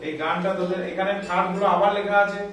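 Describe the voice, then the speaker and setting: A man's voice: sits high, flat delivery, fast, a bit bright, very echoey, far from the mic. A man teaching schoolchildren a music lesson, explaining step by step, calling out scale notes and scolding the chatty ones. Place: school classroom.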